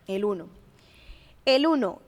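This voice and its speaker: A woman's voice: mid-range voice, lively intonation, slow pace. Upbeat woman hosting, reverberant hall. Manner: upbeat and welcoming, playful with guests. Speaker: host. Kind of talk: church livestream talk show hosting.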